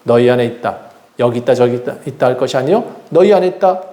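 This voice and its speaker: A man's voice: medium pitch, lively intonation, quick pace, dark tone, reverberant. A man preaching a sermon as pastor of his church, earnest, acting out the voices of people he quotes. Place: church sanctuary.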